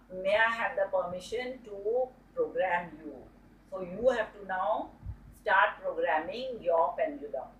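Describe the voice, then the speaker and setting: A woman's voice: medium pitch, a little hiss or hum. A woman teaching a spoken tutorial, explaining step by step and often repeating herself. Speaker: dowsing teacher. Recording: roomy sound from a distant mic.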